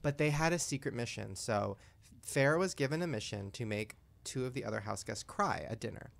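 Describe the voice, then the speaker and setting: A man's voice: mid-range voice, brisk, gravelly. A man hosting a podcast, telling stories in casual chat and acting out the people he quotes. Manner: animated storyteller, acts out quotes. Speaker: podcast host.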